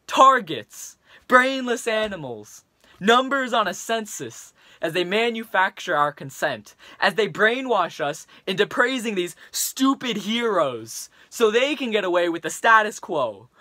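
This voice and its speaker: A young man performing a monologue as a disillusioned teenage high school boy, ranting with halting, emphatic repetition. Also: sharp tone, no room sound, full character voice. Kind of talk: dramatic monologue.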